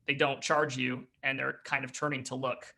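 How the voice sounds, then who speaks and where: Bright-voiced game master narrating. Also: male voice, mid-range voice, level tone, normal speed, creaky. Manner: hesitant, full of fillers, descriptive.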